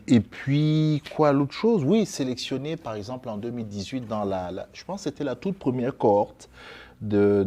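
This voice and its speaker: A man with a Quebec French accent hosting an interview, talking informally with many halting fillers. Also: lowish voice, mellow. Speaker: interviewer, host. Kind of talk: conversational interview.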